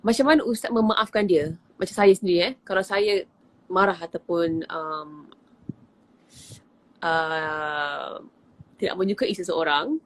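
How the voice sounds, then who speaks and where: A woman hosts a casual live interview. She asks her questions haltingly and reaches for words, with English mixed in. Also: fairly low pitch. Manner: hesitant, searching for words, mixes in English. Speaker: live chat host.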